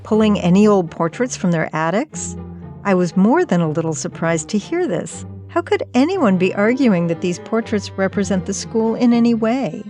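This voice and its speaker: A woman hosting a documentary podcast, narrating in a measured, reflective storytelling manner. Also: medium pitch, lively intonation, darkish tone, faint music behind. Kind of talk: scripted narration.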